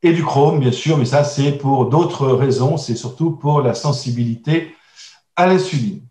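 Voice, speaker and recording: Warm and measured, this medium-pitched male voice explains slides in a recorded online course on herbal medicine. He hesitates and restarts frequently and addresses asides to his audience. The sound is echoey, placing him a bit far from the mic.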